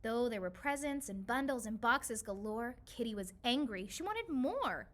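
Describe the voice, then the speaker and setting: A woman reading a children's storybook aloud with an expressive, rhythmic delivery. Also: a little high, normal speed.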